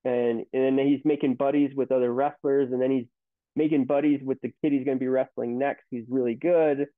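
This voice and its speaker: A man's voice: mid-range voice, fairly even intonation, a little fast, dry recording. A man in his thirties, a company CEO, telling stories in a casual interview with many restarts. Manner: rambling, storytelling with many restarts. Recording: tinny phone-like line, dry.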